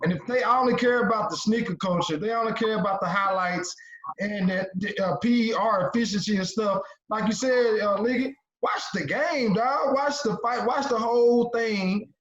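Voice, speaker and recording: A man's voice: high-pitched, moderate pace, a bit bright, muffled recording. Slangy man in his thirties, echoey. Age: 30s. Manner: slangy, persuasive. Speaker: podcast co-host. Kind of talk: casual sports talk. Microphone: video call.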